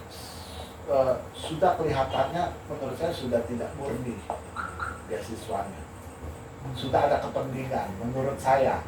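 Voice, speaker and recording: Older man telling stories in an echoey room. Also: mid-range voice. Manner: animated, candid, laughs while telling stories. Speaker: architect and lecturer. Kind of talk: informal talk with storytelling. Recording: roomy, distant mic with noisy ambience.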